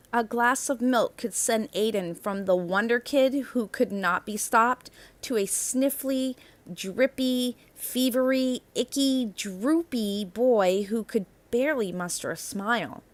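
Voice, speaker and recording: A woman with a voice on the high side reads slowly from a children's picture book. As narrator she leans on key words, drawing them out with expressive emphasis.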